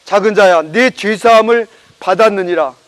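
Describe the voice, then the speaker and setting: A male pastor voicing a calm, gentle savior who speaks slowly and solemnly, lower than his own voice. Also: in a large hall. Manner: slow, solemn.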